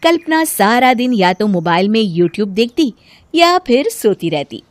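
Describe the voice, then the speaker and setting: A woman's voice: fairly high pitch, sing-song, unhurried, no echo. A woman narrating a scripted family story for animation.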